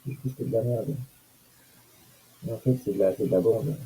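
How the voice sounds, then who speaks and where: A man's voice: fairly low pitch, fairly quick, dark tone, breathy edge, low-quality recording. A man giving casual, sarcastic commentary on news items and comments, with mocking asides.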